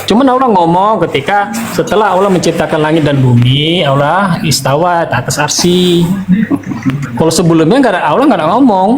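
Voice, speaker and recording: A man's voice: a little high, expressive, fairly quick, noisy background. A man moderating a heated online debate, impatient and mocking, often cutting in on others.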